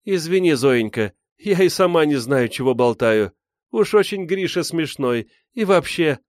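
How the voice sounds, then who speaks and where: A man's voice: on the high side, expressive, a little slow, no echo, studio quality, pitched above the performer's own voice. Man doing a bubbly, teasing young woman.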